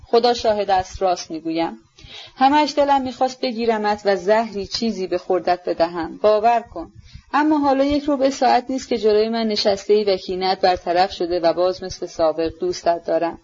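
A woman reading a jealous, brooding young man in a storybook reading. His speech is blunt and intense at a middle pitch. The recording sounds dull and lo-fi. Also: darkish tone, close to an everyday voice.

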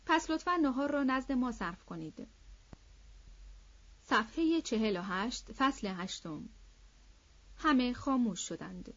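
A woman narrating a classic novel as an audiobook in a steady, measured reading voice. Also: medium pitch. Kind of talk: scripted literary narration. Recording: slightly dull lo-fi audio.

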